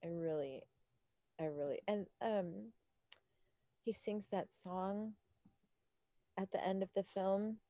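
A woman's voice: medium pitch, slow, long pauses, no room sound, studio quality. A woman co-hosting a podcast in casual chat, laughing and swearing freely as she tells stories. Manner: swearing, laughing, animated storytelling. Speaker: podcast co-host.

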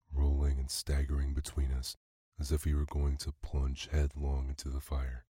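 A man narrates a classic tale for a bedtime podcast, calm and unhurried. His voice is extremely low and dark, with little rise and fall. The recording is dry and close. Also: breathy edge, no room sound. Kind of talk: bedtime story reading.

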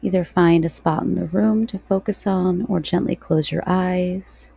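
Female meditation guide: soft, soothing, unhurried, with a mellow tone and creaky edges. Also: on the low side, steady tone, dry recording. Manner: soft, slow, soothing delivery with long pauses. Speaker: podcast host.

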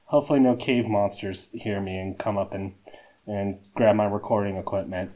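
A man's voice: fairly low pitch, steady tone, moderate pace, mellow. Man talking in a cave echo. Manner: chatty, self-deprecating, many fillers. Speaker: nature podcast host. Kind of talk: casual solo field talk. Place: small cave entrance.

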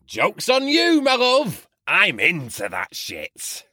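Brief: a man doing a besotted, foul-mouthed reporter, slow, husky and bright, pitch leaping all over. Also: huge pitch swings, no room sound, clean studio sound, exaggerated voice. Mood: crude. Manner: crude, swings from whispering paranoia to gushing. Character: paranoid lovestruck male reporter, crude. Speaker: undercover field reporter.

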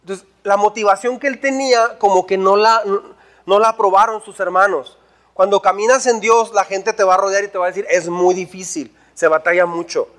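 High-voiced, animated preacher. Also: male voice, a little fast. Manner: animated, rhetorical questions, acts out dialogue. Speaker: pastor. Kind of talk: sermon.

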